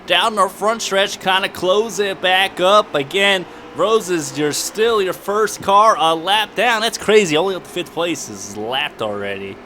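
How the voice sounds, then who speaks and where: Man, race commentator, high voice, bright and sharp tone, folksy jokey banter. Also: lively intonation, a little slow, hardly any pauses, slight background noise. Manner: folksy, jokey, says "I'll tell you what" a lot. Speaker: sim racing commentator. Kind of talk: lively play-by-play commentary with banter.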